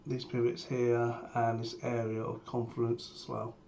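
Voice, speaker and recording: Feeling unwell, a man gives live market commentary on his premarket plan as a trader, his mid-range voice gravelly and strained from a sore throat, his delivery measured and matter-of-fact. The audio has its highs cut off, over steady background noise and keyboard clicks.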